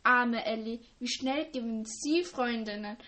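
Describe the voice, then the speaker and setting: A woman's voice: fairly high pitch, a little slow, sharp tone. A woman reading the part of a friendly teenage schoolgirl, curious and amused.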